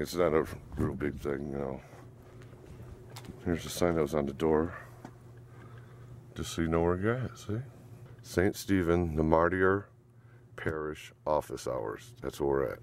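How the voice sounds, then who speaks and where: A man's voice: rumbling low, darkish tone. A middle-aged man with a Northwest Indiana accent giving a chatty, rambling walking tour to a handheld camera. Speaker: vlog host. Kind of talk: casual walking tour vlog. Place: outdoors and inside a church building. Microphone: handheld camera at arm's length. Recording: noisy outdoor camera audio.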